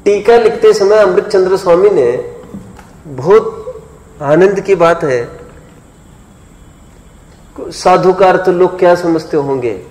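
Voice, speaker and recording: A man with a darkish voice on the high side gives a live sermon-style lecture on scripture. His habit is to stop often for rhetorical questions and make sure the audience follows, and the sound reflects an echoey hall with long reverb.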